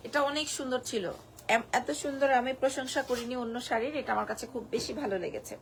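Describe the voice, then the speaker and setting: A hoarse woman presenting a live-stream sari sale from Bangladesh, gushing over each piece and repeating prices and discounts. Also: on the high side, quick pace, a little hiss or hum. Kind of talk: live-stream sales pitch.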